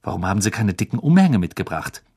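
A man voicing a prim, sensible teenage girl who makes clipped, disapproving remarks in a husky voice. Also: lowish voice, sing-song, fast talker, mellow, pitched below the performer's own voice, exaggerated voice. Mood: irritated.

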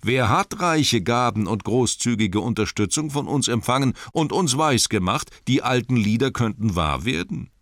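Man putting on a pompous, shouting town mayor. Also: lowish voice, sing-song, a little slow, dry recording, studio quality, pitched above the performer's own voice. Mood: indignant. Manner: loud, ringing oratory. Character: sly pompous older male town mayor. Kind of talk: audiobook reading.

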